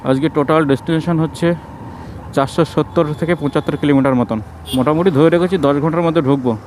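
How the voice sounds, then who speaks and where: A man narrates a casual travel vlog, his voice muffled and boomy through a face mask. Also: steady tone, fast talker, darkish tone. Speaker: travel vlogger. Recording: noisy outdoor road and vehicle sound.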